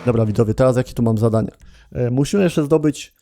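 A man's voice: mid-range voice, fast talker, dark tone. A man hosting a gaming channel, giving casual gameplay commentary, chatting to his viewers and swearing often.

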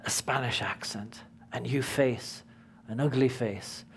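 A British man giving a live workshop talk as a spiritual teacher, speaking slowly and emphatically and often dropping to a whisper. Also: mid-range voice, a little hiss or hum.

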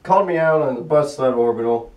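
A man's voice: a little high, quick pace, muffled recording. A young man in casual vlog talk, frustrated and swearing under his breath as he tries a trick over and over. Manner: frustrated, swearing, talking to himself while attempting a trick. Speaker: vlogger. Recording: roomy, distant camera sound.

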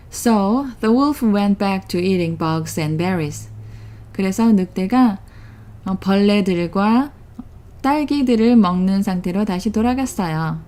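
A woman's voice: medium pitch, dark tone. Woman reading a storybook aloud. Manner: reads each English line, then translates it into Korean. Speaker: storybook reader and English tutor. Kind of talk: storybook read-aloud with Korean translation.

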